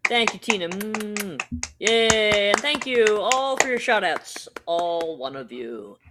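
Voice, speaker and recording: A woman co-hosting a podcast, chatting casually with a wry, easygoing humor and the odd swear word. Her voice sits at a middling pitch. She laughs readily between remarks. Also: animated, takes it slowly, very noisy. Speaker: podcast co-host.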